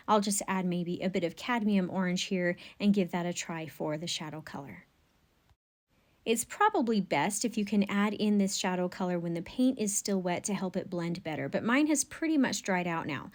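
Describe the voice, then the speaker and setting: A woman with a mid-pitched voice gives painting instruction in a gentle, encouraging manner. She narrates each step in an orderly, tutorial style, like a teacher guiding beginners.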